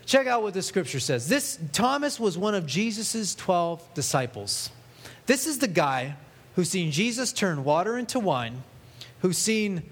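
Animated high-voiced male preacher. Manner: animated, emphatic, reads scripture aloud with rising intensity. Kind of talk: sermon.

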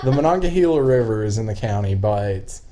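A man's voice: on the low side, expressive, a little fast, background noise. A man who works in local TV news, chatting casually with friends, rambling and swearing as he tells stories. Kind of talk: casual chat.

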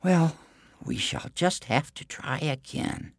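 A man voicing a gentle, clever young princess in a storybook, in a raised, softer voice. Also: on the high side, takes it slowly, vocal fry, no room sound, studio quality, pitched above the performer's own voice, exaggerated voice. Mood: sweet.

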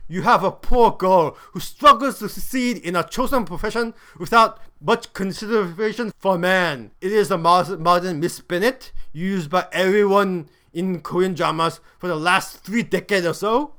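A man's voice: high-pitched, normal speed, hardly any pauses, sharp tone. A man giving a scripted review of a television drama, with dry, sarcastic humor.

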